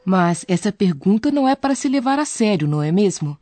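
A woman's voice: mid-range voice, big pitch swings, fairly quick, warm tone, no echo. A woman co-presenting a scripted radio lesson, posing listeners' questions to the teacher in a conversational way. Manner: inquisitive, conversational.

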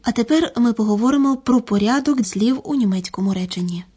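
A woman giving a scripted, measured grammar lecture. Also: a little high. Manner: measured, didactic. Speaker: language lecturer.

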